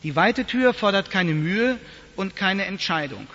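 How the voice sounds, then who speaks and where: Male pastor, sermon, animated storyteller, high voice, dull recording. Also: a little slow. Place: church. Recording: dull lo-fi sound, long church reverb.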